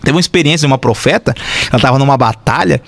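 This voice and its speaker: A Brazilian man, a pastor, telling a testimony in an excitable, animated way, with shouts and sound effects. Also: medium pitch, rapid-fire, vocal fry. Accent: Brazilian Portuguese. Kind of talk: animated testimony in casual chat.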